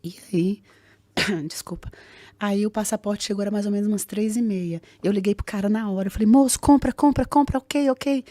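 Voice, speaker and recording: Rio-woman guest, warm and mellow, lively storyteller who acts out dialogue, dry close sound. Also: mid-range voice, dry recording. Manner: animated, acts out dialogue in quick voices. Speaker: guest, jiu-jitsu fighter. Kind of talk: personal storytelling on a podcast.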